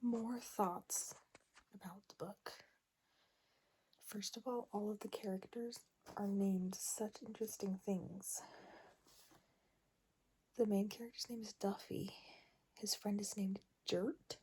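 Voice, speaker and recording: A young woman vlogging from bed at midnight, talking in a hushed, chatty whisper full of fillers. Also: medium pitch, fairly even intonation, slow, long pauses, a little hiss or hum, low-quality recording. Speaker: book vlogger. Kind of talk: late-night casual vlog. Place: in bed at night.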